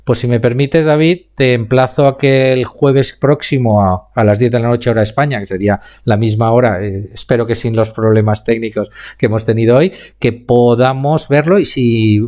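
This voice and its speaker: A man with a Spain Spanish accent talks through a live online class on public speaking. His pitch sits at an ordinary middle level, and he explains things at length, slowing down to show off pauses and stressed words. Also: darkish tone. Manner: explanatory, slows down to demonstrate pauses and emphasis. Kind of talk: live online class answering chat questions.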